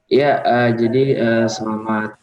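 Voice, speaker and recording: A man joining a webinar over a video call and asking a question in a halting, hesitant way, with his audio choppy and cutting out. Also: mid-range voice, level tone, highs cut off, a little hiss or hum. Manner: hesitant, halting, full of filler sounds. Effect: choppy online call audio that keeps breaking up. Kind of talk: casual spoken question.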